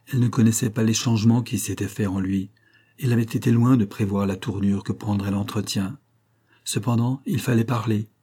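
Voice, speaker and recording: Husky low-voiced male narrator. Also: dark tone. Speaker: audiobook reader. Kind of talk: novel narration.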